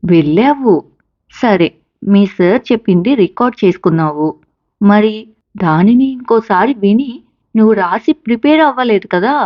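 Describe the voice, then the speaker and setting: A woman's voice: medium pitch, expressive, normal speed, long pauses, dry recording, highs cut off, close to an everyday voice. A woman voicing a coaxing, caring mother. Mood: encouraging. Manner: patient, coaxing, reassuring. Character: caring mother gently encouraging her college son.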